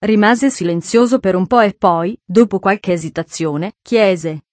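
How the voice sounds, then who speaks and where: A woman narrating an audiobook in a measured, expressive storytelling voice. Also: medium pitch, dry recording.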